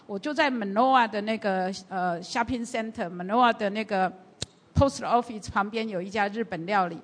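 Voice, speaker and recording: A woman pastor telling a story during a church service, animated and full of fillers. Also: mid-range voice, normal speed. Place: church hall. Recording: long hall reverb from a church.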